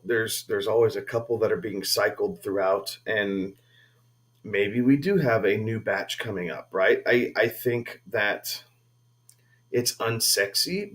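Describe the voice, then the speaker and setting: Low-voiced man in casual podcast chat. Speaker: podcast co-host. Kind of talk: casual fantasy football chat.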